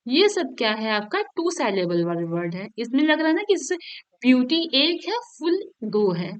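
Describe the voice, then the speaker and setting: A woman teaching from an exam paper, explaining each step and checking in with her students as she goes, reading English examples out slowly. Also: fairly high pitch, big pitch swings.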